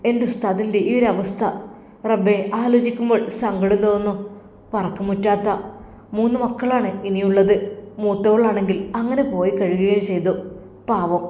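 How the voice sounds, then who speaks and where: A devoted young male teacher, gentle and reassuring, played by a woman storyteller. His voice is soft and mellow. He speaks calmly to comfort others. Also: mid-range voice, normal speed, echoey room, long reverb tail, lightly acted. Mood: sorrowful.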